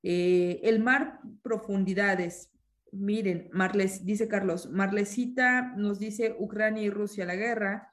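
A woman's voice: mid-range voice, steady tone, takes it slowly. Woman teaching a live online class. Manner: explanatory, asks students questions, reads out comments. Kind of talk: live-streamed lesson reading chat comments.

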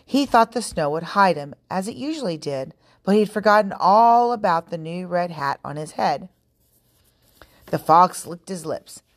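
A woman hosting a podcast, reading a children's book aloud in a calm, clear, steady way. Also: lowish voice, normal speed. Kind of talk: storybook read-aloud narration.

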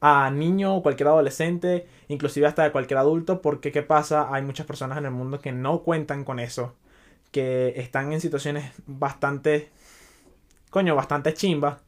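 Hosting a laid-back podcast by himself, a young Venezuelan man talks at a moderate pace in a fairly high, even voice. His Venezuelan Spanish accent comes through, and his chatty delivery mixes in bits of English.

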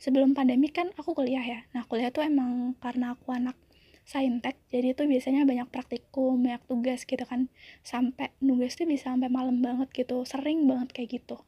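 A woman's voice: sits high, level tone, a little fast, slightly rough, no room sound, dull audio. A young woman in her twenties sharing a personal story in a casual, confiding way, full of fillers. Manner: chatty, confiding, many fillers.

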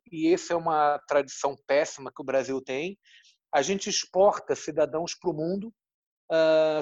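Husky Brazilian man from Rio. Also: on the high side, darkish tone, dry recording, highs cut off. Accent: Rio de Janeiro Brazilian Portuguese. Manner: explanatory, thoughtful, frequent "né?" tags. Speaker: journalist. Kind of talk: interview answers.

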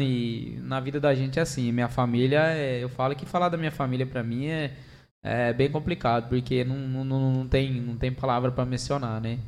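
A middle-aged man with a Brazilian accent, a podcast guest telling stories in an animated, chatty way full of fillers. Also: medium pitch. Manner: animated, chatty, many fillers, laughs at own story. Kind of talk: casual storytelling chat.

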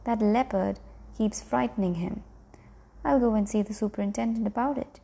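A woman's voice: medium pitch, moderate pace, gravelly, warm tone, breathy edge. A woman voicing a stubborn, testy old grandfather who talks brusquely and insists on his way.

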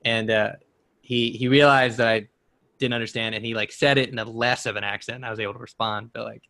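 A man's voice: medium pitch, fairly even intonation, brisk, pushed and bright, dry recording. A man in his twenties co-hosting a podcast, rambling through a story and laughing at himself. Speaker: podcast co-host. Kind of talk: casual chat.

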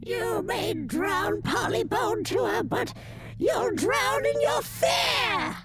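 A menacing old hag villain from a tabletop game, acted out by a man. The voice is extremely high and cracked with gravel, drawing out slow, taunting threats over music. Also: lively intonation, a bit bright, heavily acted. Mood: menacing shriek. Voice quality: creaky, shrill. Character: menacing old hag, a female swamp monster.

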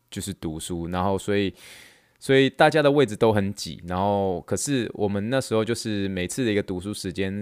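A young man with a Taiwanese Mandarin accent, hosting a podcast and telling a story in casual chat, acting out shouted slogans as he goes. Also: fairly low pitch, dry recording, studio quality. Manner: animated, acts out shouted slogans in quotes. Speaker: podcast host. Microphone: close podcast mic.

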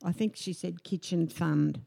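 An older Australian woman with a gravelly, low, mellow voice reminisces about family in a loose, rambling way. Her talk is full of little fillers and restarts. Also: unhurried. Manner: rambling, fond recollection with many fillers. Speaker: podcast guest. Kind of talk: casual reminiscing chat.

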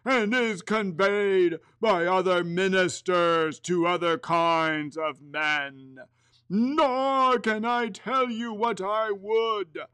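A man voicing the anguished ghost of an old miser bound in chains, wailing slowly and drawing out his words. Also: high-pitched, bright, forceful tone, smooth, voice pushed up, exaggerated voice. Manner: wailing, slow and drawn out.

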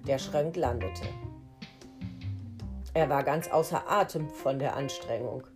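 A woman teacher reading a children's adventure story aloud to her pupils in a lively, playful way. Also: rumbling low, a little slow, over music.

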